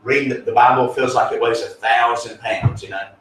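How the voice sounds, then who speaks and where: A male pastor of middle pitch talks through his teaching in an earnest, down-to-earth way, pausing on fillers and restarting sentences. He sits well back from the mic in a very echoey room, with a faint hum of ambience underneath. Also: steady tone, a bit bright, recorded from a distance. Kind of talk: conversational spiritual teaching.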